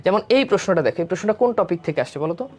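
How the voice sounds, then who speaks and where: A man's voice: sits high, expressive, racing, darkish tone. A man teaching a live online exam-prep class. He explains each answer step by step, often checks in with his students, and mixes English words into his speech.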